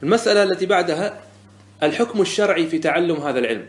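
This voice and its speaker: A man with a slightly higher voice teaches a grammar lesson. He quizzes the class and often answers his own questions. He repeats key terms and points out common mistakes. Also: animated, rapid-fire. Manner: asks the class questions and answers them himself. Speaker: teacher of Arabic morphology.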